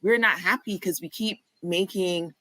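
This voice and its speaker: A woman from Barbados speaks as a physician guest on a podcast. Her voice is lowish but bright, and she explains things clearly and candidly. The recording is dry and close. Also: measured pace, no echo, poor audio. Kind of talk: conversational podcast interview.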